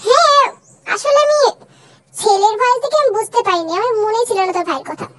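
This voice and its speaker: A woman's voice: extremely high pitch, expressive, quick pace, heavy background noise. A young woman voicing a shy, nervous college girl who stammers when flustered, in a fan dub drama. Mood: sheepish.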